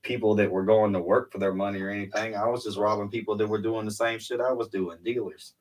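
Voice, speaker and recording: A man's voice: fairly low pitch, fairly even intonation, fast, recorded from a distance, poor audio. A man in his forties, a podcast co-host, telling candid stories in a rambling casual chat.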